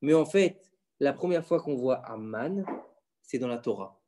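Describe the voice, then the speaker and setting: A man explaining religious stories to his children in a casual home lesson, animated and quizzing them with questions. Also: medium pitch, measured pace. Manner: insistent, keeps the floor. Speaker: father teaching his children.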